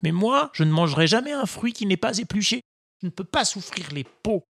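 A man's voice: sits high, big pitch swings, brisk, gravelly, a bit bright, husky, no room sound, studio quality, voice pushed up, heavily acted. A man voicing a hungry, whining wooden puppet boy in a storybook reading. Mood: fussy. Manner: whining, self-pitying. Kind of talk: audiobook character voice.

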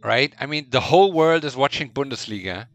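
A man on a casual fan podcast, excitable and swearing freely. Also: mid-range voice, a little fast, no echo.

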